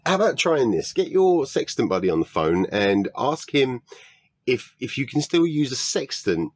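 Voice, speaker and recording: Sarcastic British man, lively pitch. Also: moderate pace, no echo, clean studio sound. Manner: sarcastic, exasperated, swears often. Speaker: YouTube debunking commentator. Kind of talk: scripted commentary rebuttal.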